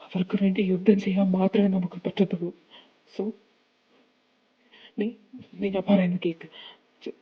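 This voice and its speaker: A woman reading a fan fiction audio drama, voicing every character in a dramatic, halting way. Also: mid-range voice, husky. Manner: dramatic, voices all characters, halting with grief. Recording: dull lo-fi with faint music.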